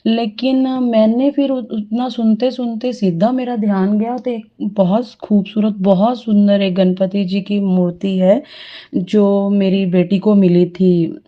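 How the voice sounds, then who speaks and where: A woman's voice: medium pitch, fairly even intonation, a little slow. A middle-aged woman sharing a personal devotional experience in an earnest, rambling, reverent way. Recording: dull lo-fi audio.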